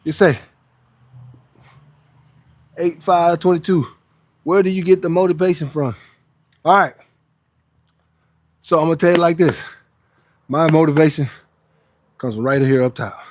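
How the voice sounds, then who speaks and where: This fitness trainer's voice is a little high, and he speaks at a measured pace with long pauses and no echo. Between pull-up sets on his live workout stream, held outdoors under a roof, he chats with viewers in a casual, emphatic way, saying things twice for emphasis.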